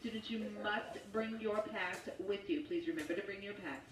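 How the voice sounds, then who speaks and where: A woman making a formal, polite school announcement over the intercom loudspeaker into a classroom. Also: mid-range voice, moderate pace. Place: heard through a classroom speaker. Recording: echoey noisy loudspeaker from far off.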